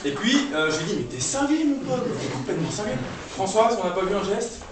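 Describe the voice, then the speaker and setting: A young man with a high voice improvises stand-up on a live stage, rambling casually with fillers and restarts. He sounds far from the mic, and the room rings with heavy echo and a steady layer of noise. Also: fairly quick. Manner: loose, chatty, frequent fillers and restarts. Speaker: stand-up comedian. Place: live comedy stage before an audience.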